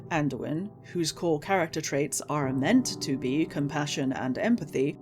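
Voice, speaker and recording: A woman's voice: low-pitched, moderate pace, music in the background. A woman delivering a scripted, opinionated rant, indignant and sarcastic, with emphatic, incredulous turns. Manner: swears casually. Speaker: video essayist, game story critic.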